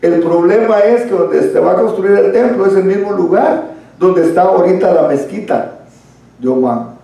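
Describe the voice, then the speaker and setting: Leading a church Bible study, a man explains things at length and calls his listeners "brother." His voice is high, creaky, and mellow at a normal speed, recorded far from the mic in an echoey church hall.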